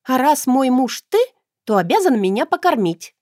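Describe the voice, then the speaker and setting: A bold, teasing young bride, voiced by an audiobook reader speaks high and sharp. She sounds quick and cheeky. The recording is dry and close. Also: big pitch swings, no room sound.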